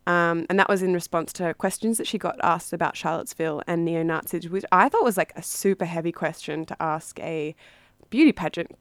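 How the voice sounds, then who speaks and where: A woman's voice: on the low side, brisk, clear, resonant tone, dry recording. An Australian woman co-hosting a radio show, chatting casually with a sardonic edge and plenty of ums and likes. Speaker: radio co-host. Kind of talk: casual chat.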